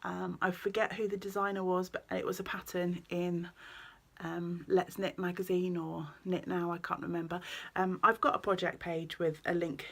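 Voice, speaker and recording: A woman, chatting casually about her knitting in a vlog, rambling along with many ums and quick self-corrections. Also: on the low side, level tone, creaky, a bit bright. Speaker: knitting vlogger and yarn shop owner.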